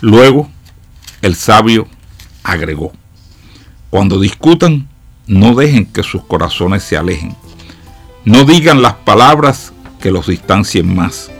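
A man with a fairly low voice delivers a reflective commentary for radio listeners. He tells his story at an unhurried, measured pace, like a parable read aloud. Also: animated, breathy edge, faint music behind.

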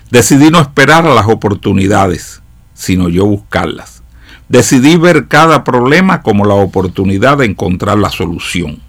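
Low-voiced man telling a calm radio parable. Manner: slow, measured storytelling. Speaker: radio commentator. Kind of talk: reflective radio commentary.

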